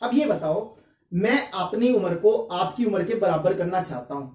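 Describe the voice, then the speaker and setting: A man's voice: high-pitched, expressive, moderate pace, darkish tone. Chatty male maths teacher in an echoey room. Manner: chatty, asks students questions and answers them himself. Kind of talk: explaining a lesson to students. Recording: roomy echo, mic at a distance.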